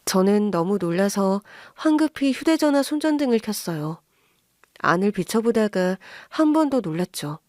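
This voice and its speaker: A woman's voice: medium pitch, big pitch swings, normal speed, darkish tone, no echo, studio quality. A woman narrating a first-person story in a confiding storytelling manner for a story radio channel.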